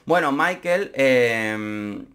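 A man's voice: mid-range voice, animated, extremely slow, fairly bright tone, smooth, soft background music. A man giving chatty, opinionated commentary on a reality show. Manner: chatty, opinionated, frequent restarts. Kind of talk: casual commentary vlog.

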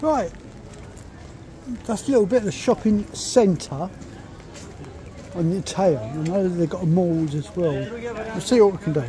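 A travel vlogger walks along a rainy pedestrian shopping street, offering rambling, casual and observational remarks in fragments. His high voice is animated and a little slow with long pauses, and passers-by can be heard chattering.

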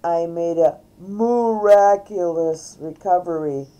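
An older woman voicing a cheerful male cow entertainer, talking in a squeaky voice and announcing his tricks like a grand showman. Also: slow, mellow, highs cut off. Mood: showy.

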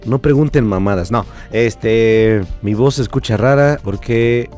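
Hoarse Mexican man streaming with a cold. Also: lowish voice, unhurried, darkish tone, soft background music. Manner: swears freely, reads out chat. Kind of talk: casual live-stream chat.

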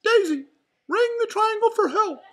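A woman voicing a cheery, bossy cartoon mouse leader from a storybook, in an excitable, exclaiming way. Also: very high-pitched, unhurried, pitched above the performer's own voice, exaggerated voice. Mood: urgent, bossy. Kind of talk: storybook read aloud.

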